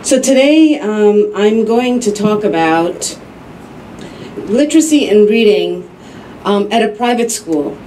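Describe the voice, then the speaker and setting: Mellow-voiced woman presenting. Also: medium pitch, a little hiss or hum, low-quality recording. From United States. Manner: measured, explanatory. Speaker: panel speaker. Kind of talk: academic roundtable presentation.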